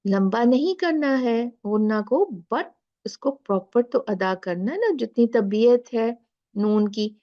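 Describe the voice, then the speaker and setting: Slow, patient woman tajweed teacher. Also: on the high side, lively intonation, dark tone, muffled recording. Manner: patient, repeats words slowly for pronunciation; switches between slow drawn-out recitation and quick explanation. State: sore throat. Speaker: Quran recitation teacher. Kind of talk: online tajweed lesson.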